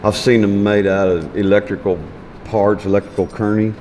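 In a big metal workshop, a man in his fifties teaches welding through a hands-on shop demo, thinking aloud as he works in plainspoken, folksy terms. He speaks at a moderate pace with a fairly low pitch and flat delivery. The background is noisy, and music sits under his voice.

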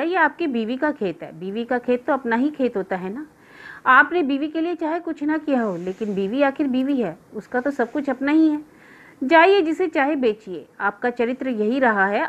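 A woman's voice: high voice, expressive, moderate pace. A woman voicing a hurt, reproachful village man arguing with his cousin in a story reading. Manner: pleading then reproachful. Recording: dull lo-fi recording.

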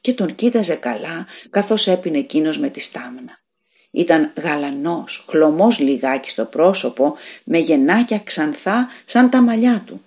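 A woman reads a fairy tale aloud for an audiobook, her voice sitting on the low side for a woman. Her telling is expressive, and her pitch rises and falls freely from phrase to phrase as the story moves on. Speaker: audiobook narrator. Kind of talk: scripted narration.

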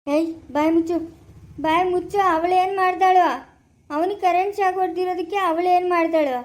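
A woman doing a stern, sharp-tongued mother-in-law who cuts off her daughter-in-law with curt scolding, with a rural Chikkaballapura Kannada accent. The voice sits very high in a homemade family skit. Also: steady tone, brisk.

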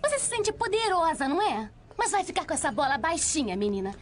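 A woman's voice: very high voice, very animated, fast talker. A young actress playing a spoiled teenage girl who mocks and provokes her rival in a TV drama. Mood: taunting. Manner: mocking, provocative. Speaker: teen rival singer. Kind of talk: telenovela acting. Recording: TV soundtrack with music behind.

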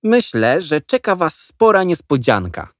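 A man's voice: a little high, wildly swooping pitch, unhurried, dry recording, studio quality, pitched above the performer's own voice. A man voicing Jack, an eager, breathless schoolboy. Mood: excited. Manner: eager, pleading, full of news.

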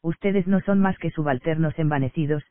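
Un hombre que interpreta a un preso indignado que increpa a sus guardianes, leído en un audiolibro de teatro. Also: male voice, on the high side, a little fast, clear, resonant tone, dry recording, natural voice. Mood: indignant. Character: indignant male prisoner defying his guards. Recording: dry, tinny phone-like sound.

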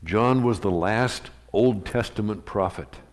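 A man with a fairly low voice preaches in a church service. He retells scripture like a story, chatty and unhurried, slipping in asides and quiet chuckles. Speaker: pastor. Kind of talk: sermon. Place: church sanctuary. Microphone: livestream recording of a live service.

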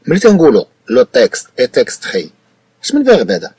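A man's voice: mid-range voice, wildly swooping pitch, racing, darkish tone, breathy edge, no room sound. A man with a Moroccan Arabic accent, teaching a French lesson patiently, repeating points and checking that the student understands. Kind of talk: explanatory tutoring lesson.

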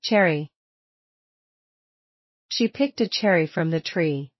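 A woman reads vocabulary words and sample sentences in a slow, carefully spaced delivery. Her voice sits on the low side for a woman. The sound is dry and a bit dull, with little room and muted highs. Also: expressive, husky, no room sound. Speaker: vocabulary reader. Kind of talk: slow scripted word-and-sentence reading.

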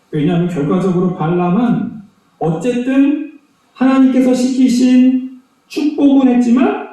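A man preaches a children's Sunday sermon in a high, mellow voice, and he repeats points with emphatic energy. He is recorded from far off in a church sanctuary with very heavy echo. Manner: animated storyteller, emphatic repetition. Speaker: pastor.

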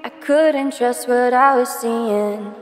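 A woman singing a slow pop song in sustained phrases. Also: on the high side, reverberant, big-room sound, faint music behind.

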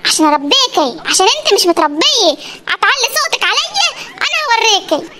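A woman voicing a cranky, sharp-tongued old village grandmother in a cartoon, with an Upper Egyptian accent, scolding and insulting everyone around her. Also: very high voice, very animated, very noisy. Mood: spiteful. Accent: Upper Egyptian Arabic. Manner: scolding, insulting, quick to threaten.

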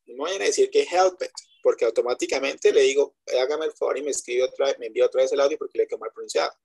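Male English teacher, web lecture, husky tone, patient step-by-step explainer, switches between Spanish and English examples. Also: medium pitch, rapid-fire, a little mellow. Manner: explains step by step, keeps checking with students. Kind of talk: online class lecture. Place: web conference.

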